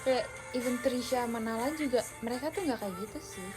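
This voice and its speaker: A young woman with a fairly high voice chats loosely to her viewers, leaning on fillers as she explains. Soft music plays faintly behind her phone-recorded stream. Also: fairly quick. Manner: chatty and loose, full of fillers, addressing viewers directly. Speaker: idol group member hosting a live stream. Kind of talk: casual live-stream chat to viewers.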